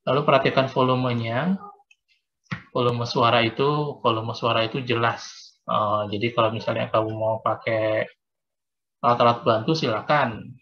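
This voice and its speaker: A man's voice: medium pitch, steady tone, moderate pace, pauses often. A man teaching religion, explaining a practical exam to his students in a casual, patient way with frequent fillers, over a video call. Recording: dull lo-fi video call audio.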